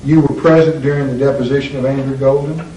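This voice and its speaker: A male attorney in a deposition, recorded courtroom-style, asking formal questions in a deliberate, measured way with frequent pauses. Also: medium pitch, flat delivery, warm tone. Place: deposition room. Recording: roomy echo, distant mic, faint hiss.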